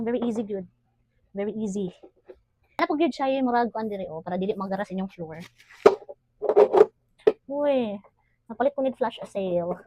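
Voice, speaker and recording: A woman's voice: mid-range voice, dark tone, a little hiss or hum. A woman with a Cebuano accent, chatting upbeat at home in a casual unboxing vlog and switching often into English. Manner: chatty, upbeat, mixes English with local speech. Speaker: vlogger.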